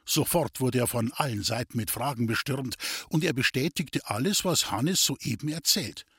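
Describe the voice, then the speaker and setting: A man narrating a story in a calm, measured reading style. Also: mid-range voice, husky, no echo, clean studio sound. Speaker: audiobook narrator. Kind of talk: scripted narration.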